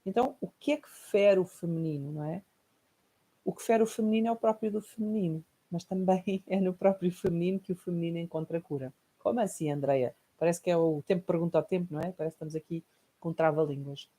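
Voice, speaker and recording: A European Portuguese woman with a slightly low voice gives a recorded online lesson. She explains her points reflectively and keeps checking in with her listeners through tag questions. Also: fairly even intonation, fast, dark tone. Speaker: course teacher.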